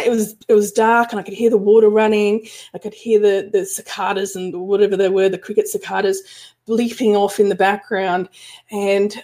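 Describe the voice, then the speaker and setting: A spiritual business coach chats casually with her online group during a live stream, restarting often and using lots of fillers. Her voice is medium-pitched and a little mellow.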